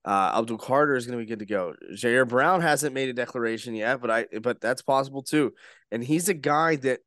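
A young man hosts a casual sports podcast, rambling along with plenty of restarts and fillers. His voice sits at an ordinary middle pitch. The sound is dry and close, with no room around it. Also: a little fast, a bit bright, dry recording. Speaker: podcast host.

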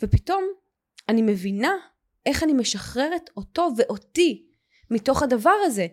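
A woman with a somewhat high voice hosts a podcast and tells a personal story. She is animated and speaks in quick bursts. She acts out quoted lines with feeling. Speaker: podcast host.

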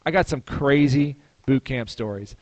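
A man's voice: medium pitch, normal speed, muffled recording. A middle-aged man hosting a podcast, telling a rambling personal story in casual monologue and acting out the voices of the people he quotes. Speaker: podcast host.

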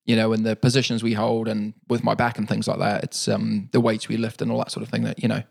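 Gravelly New Zealand man, flat delivery. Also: lowish voice, fast talker. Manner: relaxed, rambling with many fillers and restarts. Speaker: interviewee, para-cyclist. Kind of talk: casual conversational interview.

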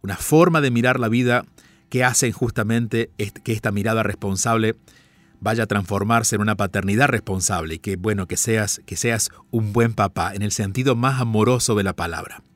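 Calm, reflective male radio host. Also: fairly low pitch, normal speed, no room sound. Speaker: radio host and life counselor. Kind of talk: advice call-in radio show.

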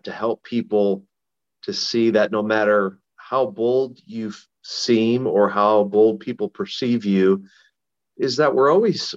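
A middle-aged man, a pastor, speaking over a phone line as an interview guest, earnest and conversational with frequent restarts. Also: on the low side. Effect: heard over a phone line. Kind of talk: interview guest sharing a personal testimony. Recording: dull phone-line audio.

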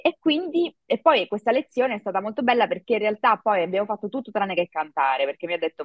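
Lowish woman's voice, kinda muffled dry recording, chatty guest telling a story w lots of ums. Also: no echo. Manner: animated storytelling with many fillers. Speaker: guest, actress and acting coach. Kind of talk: casual podcast conversation.

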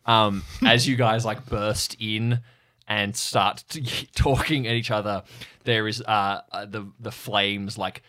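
A man improvising narration as a tabletop game master, halting and amused as he tells the story. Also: fairly low pitch, flat delivery, sharp tone. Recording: music behind the voice.

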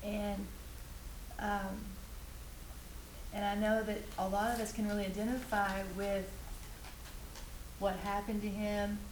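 A woman's voice: mid-range voice, little pitch movement, slow, pauses often. A woman sharing reflective commentary on scripture as a participant in a Bible study. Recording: roomy echo with background noise.

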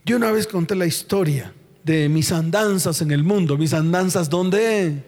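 A man's voice: high voice, measured pace, darkish tone. A man with a Colombian accent preaching a sermon. He tells stories theatrically and with humor, and he keeps quizzing the congregation with repeated questions. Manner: theatrical and jokey storytelling. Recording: long reverb of a large hall.

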